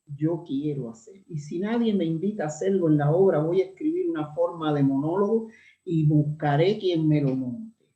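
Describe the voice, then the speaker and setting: A middle-aged Cuban woman with a strong, resonant voice, telling stories in a lively conversational interview. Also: sits low. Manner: animated storyteller, lively asides. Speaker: actress, interview guest. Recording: roomy, slightly dull recording.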